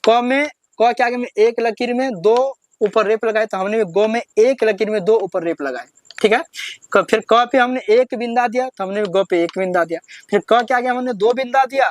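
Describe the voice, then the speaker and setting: High-voiced man teaching the alphabet. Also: a little hiss or hum. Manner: patient, repetitive, drawing out each syllable when reciting. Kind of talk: beginner alphabet lesson.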